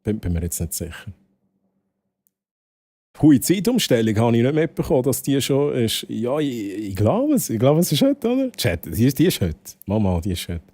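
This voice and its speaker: This male game livestreamer from Switzerland talks loosely with his stream audience in a Swiss German accent, wandering off topic, repeating himself and dropping in English. His medium-pitched voice is mellow, moves at a moderate pace and swings hugely in pitch.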